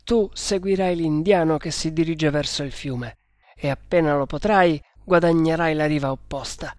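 A determined jungle hunter gives orders firmly and steadily, as a male narrator puts him on. The voice is slightly high and dry, recorded close. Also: moderate pace, dry recording, natural voice. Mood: resolute. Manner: firm, resolute. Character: bold, lovestruck male snake hunter, resolute.

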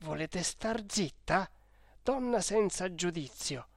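A man voicing a fearful, fussy old village priest who scolds in anxious hushed tones. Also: sits high, expressive, slow pace, dry recording, clean studio sound, exaggerated voice. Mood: scolding.

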